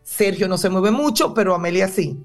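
A woman's voice: mid-range voice, expressive, brisk, soft background music. A woman theater director and drama teacher answering interview questions in a passionate, explanatory way.

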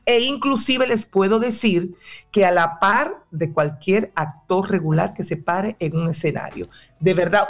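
A woman theater director and drama teacher answering interview questions in a passionate, explanatory way. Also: medium pitch.

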